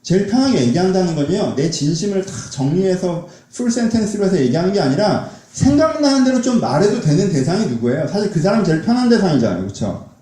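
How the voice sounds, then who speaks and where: A man's voice: sits high, big pitch swings, fast talker, hardly any pauses, warm tone. A man preaching a sermon as a pastor, speaking conversationally and asking his congregation questions. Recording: echoey church hall.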